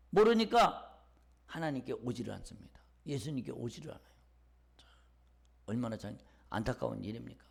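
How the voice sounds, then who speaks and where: A male pastor at a middling pitch delivers a sermon. He moves between soft, almost whispered asides and loud, drawn-out pleas. He acts out the voices he quotes in lively bits of dialogue. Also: gravelly. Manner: swings between hushed whispers and loud emphatic lines.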